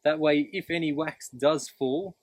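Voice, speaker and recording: A man's voice: on the high side, a little slow, dry recording. A man instructing in a practical, plain-spoken way, explaining a hands-on demonstration step by step while outdoors. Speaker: beekeeping instructor. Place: outdoors beside beehives.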